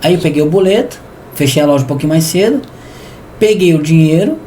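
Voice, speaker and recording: A Brazilian man speaking Brazilian Portuguese, telling a faith story as a podcast guest. His voice sits a bit high but sounds dark and mellow. He acts out the dialogue lively, with faint background noise. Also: quick pace. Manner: lively storyteller, often addresses the host as "irmão", acts out dialogue. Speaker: podcast guest, business founder. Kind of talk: animated testimony storytelling.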